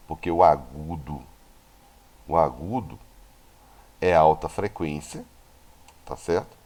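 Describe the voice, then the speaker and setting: A Brazilian man with a very low voice teaches a physics lesson. He goes through each point step by step and stops often to check that his students are following. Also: a little mellow. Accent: Brazilian Portuguese. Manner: explanatory, many tag questions. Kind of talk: recorded classroom lesson.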